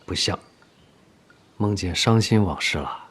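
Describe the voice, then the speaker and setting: An actor playing a kindly, easygoing middle-aged father who talks softly, at times half in a whisper, in a period TV drama. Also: deep voice, a little slow, husky, exaggerated voice. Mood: gentle. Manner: gentle, soft, half-whispered consoling. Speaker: father figure.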